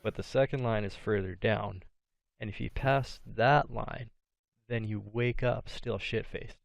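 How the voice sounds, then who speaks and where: A man's voice: lowish voice, fairly even intonation, measured pace, creaky, no echo. A young man chatting casually on a podcast, telling party stories with dry, swearing humor. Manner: swearing, storytelling, dry jokes. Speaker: podcast co-host. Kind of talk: casual chat.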